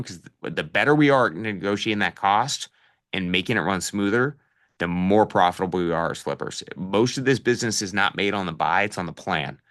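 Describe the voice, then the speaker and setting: A man's voice: on the low side, a bit bright. A middle-aged man coaching a live online session on real estate, casual and direct, calling listeners "you guys" with plenty of fillers. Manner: direct practical advice with fillers.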